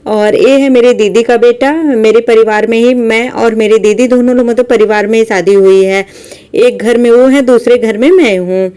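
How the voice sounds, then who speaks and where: A woman tells her day in a relaxed voice-over, pitched a little high. The tone is mellow and smooth. She talks in a chatty, homely way, like a vlogger catching viewers up. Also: moderate pace. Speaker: village life vlogger. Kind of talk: casual voice-over narration.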